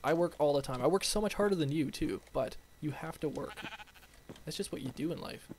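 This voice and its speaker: A young man talks viewers through his game in a chatty, excitable ramble. His voice sits a little high. A faint hiss lies under the recording. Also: brisk. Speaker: game video host. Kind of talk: playful let's-play commentary.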